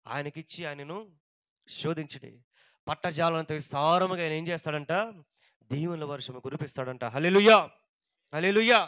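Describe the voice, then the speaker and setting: A man from India preaching a sermon, asking rhetorical questions and answering them himself, repeating phrases and crying hallelujah, swinging between loud fervent stretches and soft low passages. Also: steady tone, normal speed, long pauses, clear, resonant tone, no room sound. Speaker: pastor.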